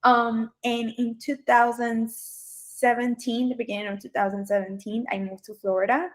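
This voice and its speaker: A young Colombian woman whose first language is Spanish answers questions in a video job interview, hesitant, with many ums and restarts. Her voice is on the high side with a flat delivery at a moderate pace, and the video call recording is rough.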